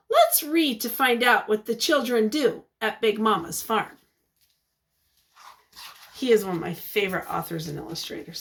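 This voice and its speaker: Pitched on the high side, a woman's voice reads a picture book to young children like a teacher. She's expressive and encouraging, and she stops to ask them questions along the way.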